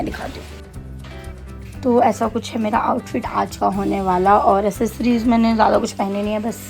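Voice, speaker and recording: A woman vlogger chatting casually into a handheld phone camera at home, animated and laughing at herself. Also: on the high side, gravelly. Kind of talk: casual vlog chat in Hindi mixed with English. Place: at home getting ready.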